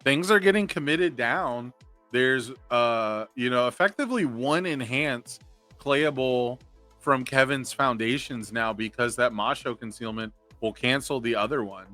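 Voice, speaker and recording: A man giving live, analytical commentary on a card game tournament, thinking through each possible play out loud. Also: mid-range voice, a little slow, soft background music.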